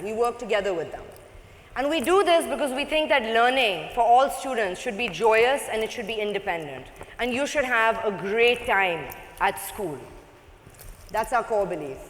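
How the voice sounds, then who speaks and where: A woman's voice: a little high, fairly bright tone. A woman in her thirties with a Pakistani accent gives an informal, conversational, self-deprecating convention speech as a non-profit founder. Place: large indoor convention hall, on stage. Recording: echoey hall PA with long reverb.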